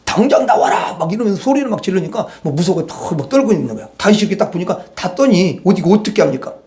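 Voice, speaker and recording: A man's voice: high voice, expressive, quick pace, dark tone. A man preaching a Sunday sermon, retelling a Bible story with acted-out dialogue and leading the congregation in reading verses aloud. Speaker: pastor.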